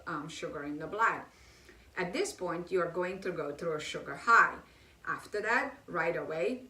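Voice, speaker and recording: A woman's voice: on the low side, pushed and bright, reverberant, far from the mic. A woman hosting her own health channel, explaining diet science in a chatty lecture with rhetorical questions and fillers. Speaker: health educator channel host.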